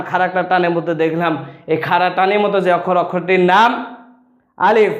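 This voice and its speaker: A man teaches Quran reading, his voice pitched high for a man. He drills letters and syllables in a slow sing-song chant. The room around him rings with echo.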